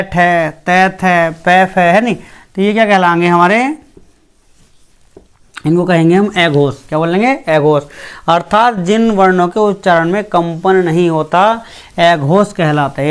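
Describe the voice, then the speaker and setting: A teacher giving a grammar lesson, who asks the class questions, answers them itself, repeats each point and slowly sounds out each letter. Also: medium pitch, clear, resonant tone. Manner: repeats points and fills with "theek hai".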